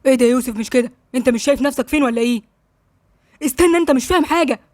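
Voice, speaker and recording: Firm, calming brother read by a woman, Egyptian accent, dry close sound. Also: sits high, very fast, dry recording, close to an everyday voice. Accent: Egyptian Arabic. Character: calm older brother trying to settle things.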